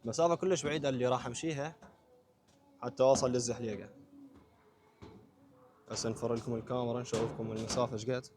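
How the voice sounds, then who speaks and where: A man's voice: medium pitch, steady tone, fast, pauses often. A man with an Iraqi Arabic accent narrating a casual vlog, talking informally to viewers and companions in short phrases. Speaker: vlogger.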